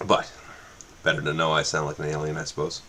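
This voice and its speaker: A man's voice: very deep voice, completely flat delivery, quick pace, sharp tone, slight background noise. A man streaming his live trading session, muttering and repeating himself as he watches the chart, on a makeshift microphone. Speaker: day trader streaming live. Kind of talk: live trading commentary, thinking aloud. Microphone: makeshift or built-in mic, not a proper microphone.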